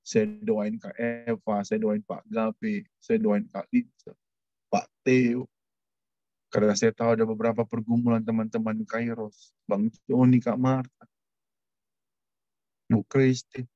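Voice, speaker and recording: A man's voice: little pitch movement, unhurried, warm tone. A man preaches in an emotional, testimonial way, his voice leaping upward as he recalls crying out. The sound is dry, with no room echo. The recording is a little dull and muffled. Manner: emotional testimony, swinging pitch. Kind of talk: sermon.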